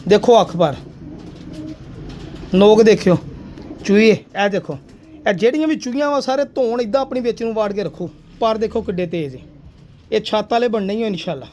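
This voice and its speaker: A man showing his pigeons one by one, with a persuasive sales pitch aimed at the viewer. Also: animated, fairly quick, long pauses, darkish tone, slight background noise. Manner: persuasive, addresses viewer as sir and brother. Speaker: pigeon seller showing birds.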